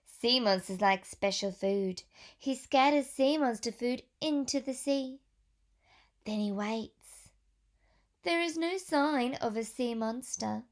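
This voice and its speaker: A woman teacher with a slightly high voice reads a picture book aloud to young children. She pauses for their questions and adds gentle whispered asides.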